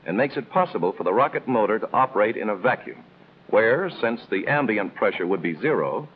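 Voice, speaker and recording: On a noisy, tinny, band-limited old film soundtrack, a mid-range American male voice delivers scripted instruction in the manner of a 1950s military training film. His explanation is measured and didactic, with clearly placed emphasis.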